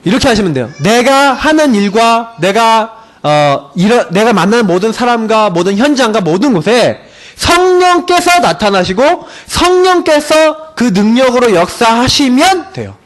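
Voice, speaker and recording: A young male pastor preaches in a high, lively voice that swoops up and down. He slows right down to lean on key words, and he acts out quoted conversations with his friends. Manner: stretches key words slowly for emphasis. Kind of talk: afternoon sermon.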